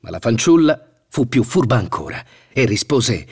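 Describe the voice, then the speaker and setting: Expressive male storybook narrator. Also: medium pitch, normal speed, breathy edge.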